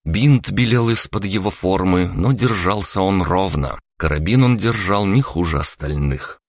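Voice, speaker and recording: A man narrating a first-person novel as an audiobook reader, in a measured, even manner. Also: sits low, no echo.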